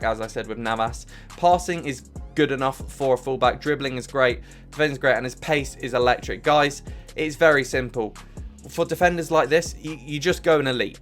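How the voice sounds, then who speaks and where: A man's voice: medium pitch, fairly bright tone. A young man giving enthusiastic, emphatic commentary as a gaming YouTuber ranking cards on a tier list. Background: faint background music.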